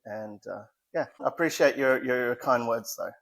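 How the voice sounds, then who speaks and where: A fire safety specialist in his forties with an Australian accent chats casually as a modest interview guest. His medium-pitched voice is creaky and fairly bright, at a moderate pace, and he explains plainly with some hesitant restarts.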